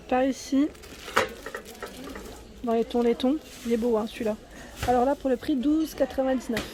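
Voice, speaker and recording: A woman's voice: high-pitched, mellow. A woman filming a casual shopping vlog inside a large store, chatting to viewers about products and prices on a handheld phone and often tagging "hein" onto her sentences. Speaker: vlogger showing store products.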